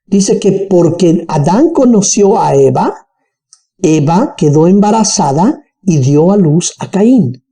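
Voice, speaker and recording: A Bible teacher speaks with a Bolivian highland accent in a very dark, mellow tone. The delivery is animated, with frequent check-ins with the listeners. This is a Bible study lesson. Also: slow. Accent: Bolivian highland (colla).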